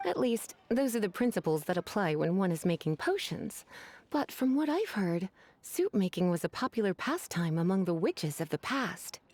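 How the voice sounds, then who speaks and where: A woman's voice: mid-range voice, big pitch swings, moderate pace, darkish tone, slight background noise, natural voice. Woman playing flirtatious, lilting witch librarian Lisa. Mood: musing. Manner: teasing, coquettish, refined. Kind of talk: video game voice acting.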